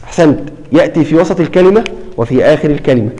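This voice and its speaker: A man with a fairly high voice teaches a recitation class. He quizzes his students and repeats each term, and he stretches words out slowly when he shows how they are read. His voice rings with a long hall reverb. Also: expressive, dark tone. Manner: prompts students with questions, repeats key terms. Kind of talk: classroom lesson on tajweed.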